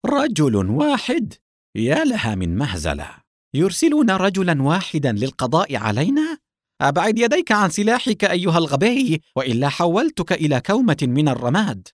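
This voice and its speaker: A man voicing a tall, ruthless male villain who shouts threats and mocks his enemy. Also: on the low side, very animated, moderate pace, slightly rough, no echo, studio quality. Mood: mocking.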